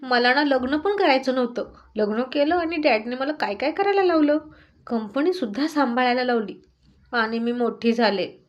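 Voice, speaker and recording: A woman's voice: high voice, animated, normal speed, highs cut off. A woman reading a story aloud and voicing a spoiled, playful young wife with a pleading, sing-song manner. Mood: teasing.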